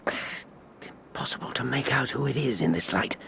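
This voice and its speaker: An actor playing a loyal, puzzled Victorian doctor sidekick in a radio drama, earnest and mildly grumbling, with a gravelly Received Pronunciation English voice. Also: male voice, medium pitch, animated, moderate pace, a bit bright, slight background noise. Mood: alert, hushed.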